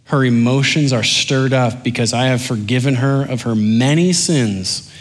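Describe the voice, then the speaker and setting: Animated, joking male preacher. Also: mid-range voice, normal speed. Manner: animated, joking, conversational preaching that drops to quiet intensity. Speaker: pastor. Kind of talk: sermon.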